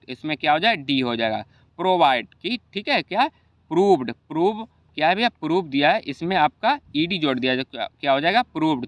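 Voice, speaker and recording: A man's voice: on the high side, a bit bright, no room sound. A man with a Hindi accent teaching an exam revision lesson, often asking rhetorical questions and adding "okay, brother.". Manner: repeats rhetorical questions and "ठीक है भैया".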